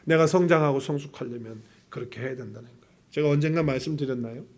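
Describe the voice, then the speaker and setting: A male pastor preaching a sermon emphatically, swinging from hushed asides to loud, insistent points and asking rhetorical questions. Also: medium pitch, quick pace.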